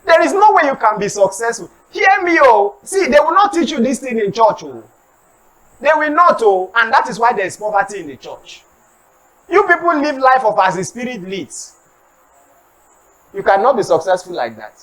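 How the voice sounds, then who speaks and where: Animated Nigerian preacher with Pidgin asides. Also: medium pitch, moderate pace, low-quality recording. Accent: Nigerian English with Pidgin. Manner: animated, acts out comic street scenes, calls for audience response. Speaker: preacher giving a motivational talk. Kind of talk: sermon-style motivational talk to a congregation.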